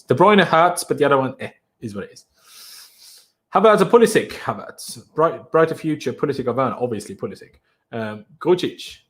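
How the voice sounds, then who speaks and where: Hosting a football live stream, a young man whose mother tongue is German reads out viewer questions. He speaks English with a German accent, his voice slightly high, chatty and animated.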